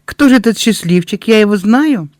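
A man reading aloud, voicing a warm, easily moved young woman in a storybook with a bright, eager manner. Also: mid-range voice, expressive, moderate pace, no echo, studio quality, pitched above the performer's own voice, lightly acted. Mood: overjoyed.

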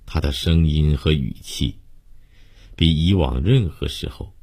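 Man reading a novel aloud, super deep voice, husky, slow and steady. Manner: steady, measured, sentimental reading. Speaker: audiobook narrator. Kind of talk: scripted novel narration.

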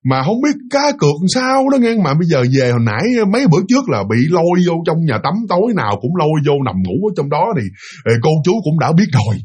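A man's voice: fairly high pitch, very animated, fast, a little mellow, slightly rough. A man voicing a timid, apologetic wife who speaks hesitantly and deferentially.

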